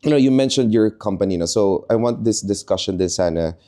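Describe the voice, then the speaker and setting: Filipino male podcast co-host, very deep warm voice, chatty questioner. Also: fairly quick. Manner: lively questioner mixing Tagalog into English. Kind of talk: casual interview hosting.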